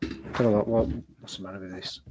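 A man's voice: low voice, flat delivery, fast talker, dark tone, slight background noise. A man in casual podcast chat, rambling and restarting his phrases while his microphone sound keeps cutting out and sounds faint and distant. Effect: microphone sound cutting out in dropouts. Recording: faint, distant mic with dropouts.

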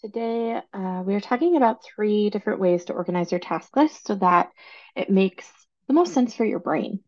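A woman in her thirties hosts a casual solo podcast, chatty and enthusiastic about organizing, though her voice is still recovering from laryngitis. It's medium-pitched, animated, and darkish, at a moderate pace, with lo-fi sound.

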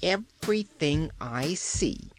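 A woman's voice: fairly low pitch, big pitch swings, measured pace, over music, voice pushed up. A woman voicing a gloomy, fussy little man who wails and complains about everything. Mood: fretful. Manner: wailing, complaining.

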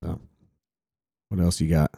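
A man hosts a casual Bible study chat. His voice is very low and mellow, recorded dry and close. He talks earnestly and reflectively, acting out quotes as he goes. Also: little pitch movement, a little slow, creaky, slightly rough, no room sound. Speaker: podcast host.

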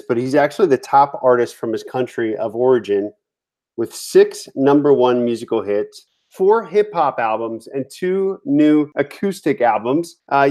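A man's voice: mid-range voice, warm tone. A man hosting a filmmaking podcast, interviewing his guest with eager enthusiasm and lots of restarts. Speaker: podcast host.

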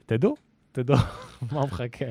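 Warm, slightly rough, and animated at a medium pitch, a man co-hosts a podcast from a recording studio. He spins a story in casual conversation, leaning heavily on fillers and slang.

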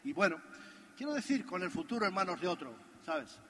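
High bright-voiced man in a reverberant hall. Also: fairly quick, a little hiss or hum. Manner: animated storyteller, rhetorical questions. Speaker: motivational speaker at a business convention. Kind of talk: motivational stage talk. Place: large convention hall.

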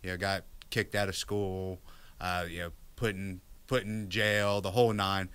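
A man's voice: low voice, level tone, unhurried, a bit bright, smooth. A man in his thirties from Virginia, a guest in a casual interview, speaking candidly with many fillers and restarts. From Virginia, United States.

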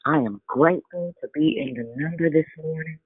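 A man's voice: a little high, normal speed, slightly rough, dry recording. A man leading a prayer call in fervent praise, his voice muffled as if heard through a wall over a phone line.

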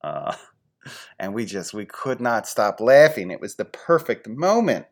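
A man in his forties from the Philadelphia area, hosting a podcast and telling casual, rambling, self-deprecating stories, getting animated when he quotes his friends. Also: lowish voice, unhurried. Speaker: podcast host. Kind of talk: casual storytelling monologue.

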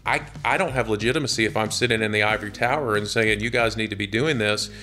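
A man who is a real estate company president, speaking in a measured, earnest way in an interview clip. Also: lowish voice, sharp tone. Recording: faint music behind.

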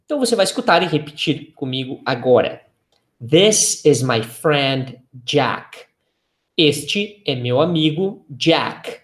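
A Brazilian teacher gives an online English lesson in an unhurried, measured voice of middle pitch. Each English phrase is pronounced carefully and slowly for the listener to repeat, between quiz questions and encouraging asides. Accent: Brazilian Portuguese.

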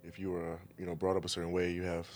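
A man with a low-pitched voice chats as a podcast guest. He is laid-back and somewhat halting, in an informal conversational style. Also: monotone. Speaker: podcast guest, trainer and massage therapist. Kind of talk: casual chat.

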